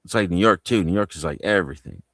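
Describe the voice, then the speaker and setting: A man's voice: sits low, animated, quick pace, no room sound. A man chatting on a live panel stream, telling loose, profane stories in a casual way. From New Jersey. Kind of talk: casual livestream panel chat. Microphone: home mic on a video call.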